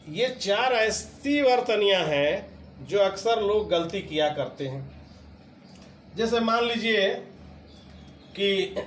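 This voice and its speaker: A man teaching a video lesson, explaining patiently and stressing each example word. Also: high voice. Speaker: Hindi teacher. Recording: echoey room with faint background noise.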